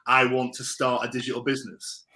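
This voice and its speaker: A man's voice: medium pitch, flat delivery, brisk, bright, forceful tone. Livestream host: man, enthusiastic and chatty, lots of ums. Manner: upbeat, enthusiastic, frequent fillers. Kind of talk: live interview.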